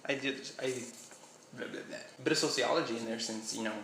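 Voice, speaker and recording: A young vlogger from Miami, USA, with a slight Miami accent, chats casually and reads a short passage aloud, rambling and trailing off with "I don't know." His mid-range voice is gravelly and sharp, he talks fast, and the recording is reverberant.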